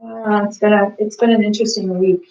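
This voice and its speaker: A woman's voice: medium pitch, level tone, a little fast, mellow, distant mic. A woman co-hosting a morning workout, chatting casually and rambling with lots of fillers. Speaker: workout co-host. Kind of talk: casual chat during a workout. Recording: roomy, off-mic and dull.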